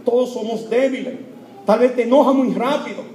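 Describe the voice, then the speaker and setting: A man preaching an emotional sermon in a church, repetitive and full of fillers, swinging from loud fervent cries to hushed tones. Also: extremely high pitch, fairly even intonation, brisk, slight background noise. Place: church before Mass. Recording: echoey church room.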